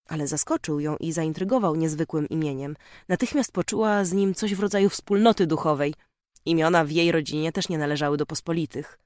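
A narrator reading a novel in a calm, measured storytelling voice. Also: mid-range voice, dry recording, clean studio sound. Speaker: audiobook narrator. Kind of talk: scripted narration.

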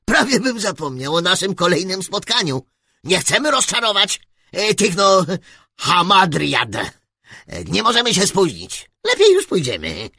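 A man's voice: high-pitched, wildly swooping pitch, measured pace, bright, forceful tone, slightly rough, dry recording, pitched above the performer's own voice, full character voice. A man voicing a flustered companion who stumbles through hasty excuses.

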